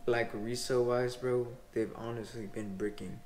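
With soft music playing behind him, a young man speaks in a mid-range, slightly mellow voice at normal speed, his pitch barely moving. He's a sneaker resale vlogger chatting to camera from a small room with window blinds, using loose slang and lots of "like" and "bro".

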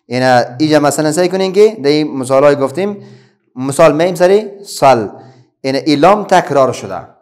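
Afghan dari guy teaching little kids, kinda high voice, slow careful explaining. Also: animated, darkish tone. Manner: explains patiently, asks questions then answers them himself. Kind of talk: children's religious reading lesson.

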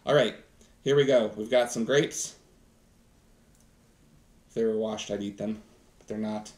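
A man's voice: lowish voice, fairly even intonation, a little slow, darkish tone. Enthusiastic man teaching science in kitchen. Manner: enthusiastic, chatty, talks to viewers. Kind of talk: live science demonstration. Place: home kitchen set, indoors. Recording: roomy kitchen echo.

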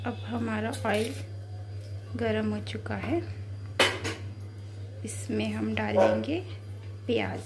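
A middle-aged woman with a fairly high voice talks through a recipe step by step. Her delivery is steady and plain, and she often repeats a step as she goes. The phone recording picks up a lot of kitchen noise and sizzling from the stove. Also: takes it slowly, long pauses. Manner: steady instructional, repeats steps. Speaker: home cook vlogger. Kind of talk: step-by-step cooking narration. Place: home kitchen at a gas stove. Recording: noisy home kitchen recording.

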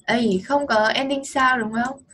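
Husky Vietnamese woman teaching English. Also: sits high, fairly even intonation, a little slow, sharp tone. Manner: patient, coaxing, spells words letter by letter. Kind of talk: correcting a child's English homework.

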